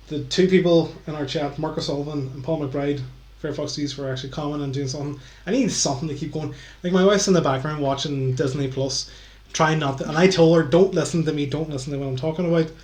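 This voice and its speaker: A drunk man with a fairly high-pitched voice hosts a casual live stream. He rambles, repeats himself and swears freely. The sound is roomy and echoey. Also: a little mellow. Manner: sweary, stumbling over and repeating words.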